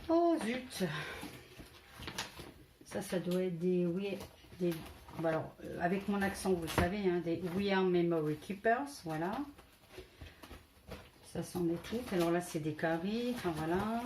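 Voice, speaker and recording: A woman's voice: fairly low pitch, expressive, a little slow, long pauses, noisy background. A woman from France presenting a casual scrapbooking haul, hesitant and full of fillers, counting items aloud as she shows them. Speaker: scrapbooking vlogger.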